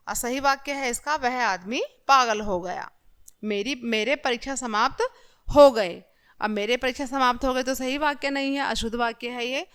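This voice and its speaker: A woman teacher with a clear, smooth, fairly high voice walks young children through a lesson. She explains patiently, reads examples aloud and corrects them one by one. The voice is recorded close to the mic as a voice-over. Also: a bit bright.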